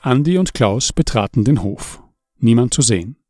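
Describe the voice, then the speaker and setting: A man narrating an audiobook in a calm, measured way. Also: medium pitch, dry recording, studio quality, soft background music.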